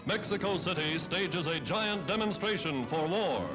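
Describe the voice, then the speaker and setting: An American man narrates a scripted 1940s wartime newsreel, emphatic and declamatory, over fairly loud music on a vintage soundtrack. His voice is a little high and animated, his pace measured, and the recording quality is low.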